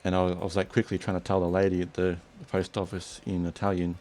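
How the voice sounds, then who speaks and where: A young man hosting a casual chat, relaxed and rambling with restarts. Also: low voice, fast talker. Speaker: host.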